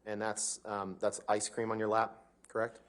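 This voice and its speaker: Low-voiced lawyer cross-examining, courtroom recording. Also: male voice, monotone. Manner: pointed, leading questions, brisk. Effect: courtroom recording played back.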